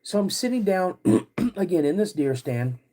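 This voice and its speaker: A man hosting a podcast, recounting a personal story in a halting, repetitive, suspenseful way. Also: high-pitched, very animated, mellow, slight background noise. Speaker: podcast host.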